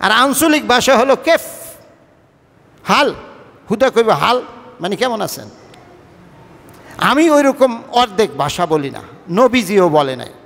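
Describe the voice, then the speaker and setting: With a high, slightly bright voice that swings widely in pitch, this imam speaks at normal speed, leaving long pauses, in a room with a large acoustic. He comes from the Barishal-Patuakhali area of Bangladesh and preaches a Friday sermon in Barishal-accented Bengali, conversational in tone, shifting between colloquial and formal registers and keeping the congregation engaged with questions.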